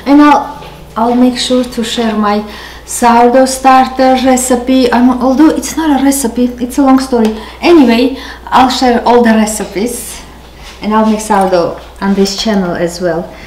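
A woman's voice: a little high, fairly even intonation, measured pace, a little mellow, a little hiss or hum. A middle-aged woman with an Armenian accent, talking casually as she tastes food in a family vlog, still a little sick. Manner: chatty, tasting and commenting on food. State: recovering from a cold. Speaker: vlog host. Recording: echoey kitchen with background music.

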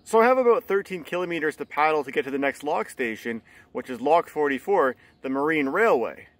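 Man narrating a calm river canoe trip. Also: fairly high pitch, brisk, no room sound. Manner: calm, informative, tour-guide-like. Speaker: solo canoe vlogger. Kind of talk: casual travel narration. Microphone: phone camera at arm's length.

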